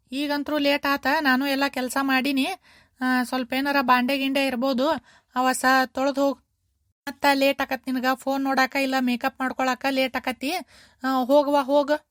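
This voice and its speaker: A woman's voice: flat delivery, moderate pace, no room sound, studio quality, close to an everyday voice. A woman voicing a nagging older mother-in-law in a cartoon, complaining and repeating herself in a North Karnataka accent. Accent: North Karnataka Kannada. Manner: shrill, complaining, repetitive.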